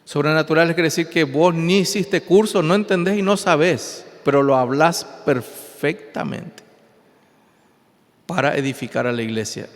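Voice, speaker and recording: A man's voice: fairly high pitch, normal speed. A pastor preaching an emphatic sermon, his voice rising and falling. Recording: long hall reverb.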